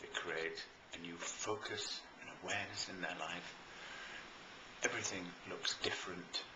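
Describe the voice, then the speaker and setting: In a roomy, slightly noisy space with echo, a British life and business coach talks up his services. His low voice holds a steady tone while he stays informal, enthusiastic and emphatic, using deliberate pauses.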